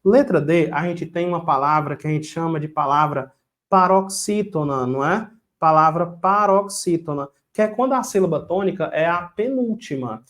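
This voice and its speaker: A man's voice: fairly high pitch, moderate pace, fairly bright tone. A man teaching an online exam-prep grammar lesson, quizzing the viewers and drilling rules with repetition and a rhyme.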